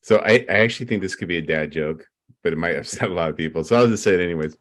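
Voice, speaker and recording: Low-voiced man rambling through jokes. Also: racing. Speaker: podcast co-host. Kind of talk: casual joke-telling banter.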